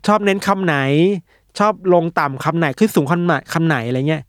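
A man co-hosting a casual talk show, explaining at length in an animated way and laughing often. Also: fairly high pitch, a little fast, no echo, studio quality. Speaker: podcast co-host. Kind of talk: casual chat.

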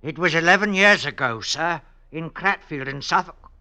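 A cunning cackling jailbird, old-time radio, bright tone. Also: male voice, a little high, moderate pace. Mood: earnest. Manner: sly, with whispered asides and cackles. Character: sly male prisoner, cunning and gleeful. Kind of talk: 1950s radio drama acting.

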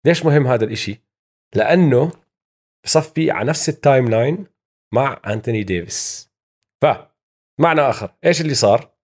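A man with a Levantine Arabic accent hosts informal sports commentary. His voice sits at an average pitch and moves along rapidly, slipping English jargon in as he explains. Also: lively intonation, darkish tone. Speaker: sports show host. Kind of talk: casual basketball news commentary.

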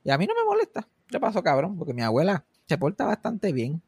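Lively young man telling stories, dry sound. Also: sits high, fast talker, slightly rough, no echo. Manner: lively storyteller, swearing and mixing in English phrases. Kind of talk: casual chat.

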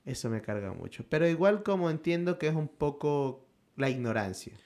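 A man from Ecuador with an Ecuadorian accent, co-hosting a casual podcast chat and telling relaxed stories. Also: a little high, normal speed. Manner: relaxed storyteller who tags phrases with "loco". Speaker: podcast co-host.

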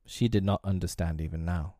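A man narrating a storybook in a gentle, measured reading. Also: low-pitched, dry recording, clean studio sound.

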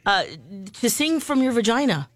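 A woman chatting casually as a co-host, with an animated, giggly manner. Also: on the high side, moderate pace. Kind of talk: casual chat.

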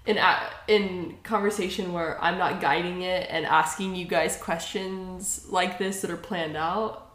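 A woman's voice: lowish voice, fairly even intonation, measured pace, a bit bright. Chatty woman podcast host, roomy sound. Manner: chatty, laughs often. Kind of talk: casual podcast chat. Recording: roomy echoey room.

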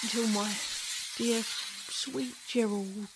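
A woman's voice: fairly high pitch, steady tone, takes it slowly, heavy background noise. A woman playing a harsh foster mother who scolds in a theatrical way. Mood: furious.

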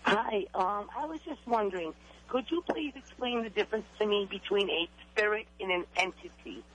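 A woman's voice: mid-range voice, moderate pace, a little hiss or hum. Woman caller, call dropping out. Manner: polite, hesitant questioning. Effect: phone call dropping out, cutting in and out. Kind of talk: phone-in question to a radio show.

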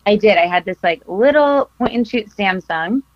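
A woman's voice: medium pitch, lively intonation, normal speed, no echo, dull audio. A woman in her twenties from California, a film photographer chatting in a casual interview, laughing often and filling with likes and ums. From Costa Mesa, California. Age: 20s. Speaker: podcast guest, film photographer.

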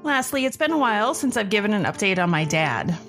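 A woman's voice: mid-range voice, big pitch swings, fairly quick, a bit bright, faint music behind. A woman hosting a podcast, reading scripted narration. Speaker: podcast host.

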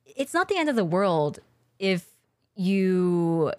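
A woman's voice: lowish voice, very animated, slow, dark tone, no room sound. A woman co-hosting a casual podcast chat about streaming, talking candidly with swearing and many fillers. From lives in Japan. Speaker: streamer co-host.

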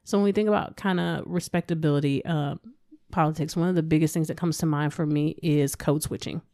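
A woman co-hosting a psychology podcast, talking in a relaxed, conversational way and laughing now and then. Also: sits low, a little fast, dry recording, clean studio sound. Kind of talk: casual podcast discussion.

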